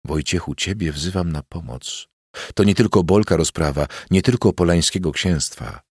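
A man's voice: sits low, normal speed, darkish tone, slightly rough, dry recording, studio quality. A man voicing an anguished archbishop who pleads in muffled, earnest prayer, read as part of a storybook narration. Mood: pleading prayer.

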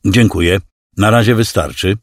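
A man's voice: fairly low pitch, normal speed, dry recording, clean studio sound, close to an everyday voice. A man voicing a cruel male alien clone villain who mocks and threatens in a condescending, menacing way. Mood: mocking menace. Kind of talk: audiobook character voice.

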